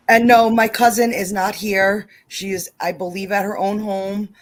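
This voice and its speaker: A woman with a New York accent hosting a casual live-stream chat, greeting viewers by name with excitable energy. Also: mid-range voice, measured pace. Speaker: host.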